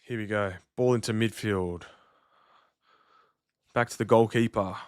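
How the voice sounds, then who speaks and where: A man's voice: fairly low pitch, steady tone, measured pace, clean tone, no room sound, studio quality. Chatty man live-streaming a football match. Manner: chatty, loose, reacting to chat and soundboard clips. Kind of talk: casual live-stream chat and match commentary.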